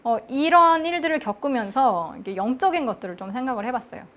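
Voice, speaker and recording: In a high voice and at a fast clip, a woman preaches an afternoon sermon, questioning the congregation and responding herself with an even "yes."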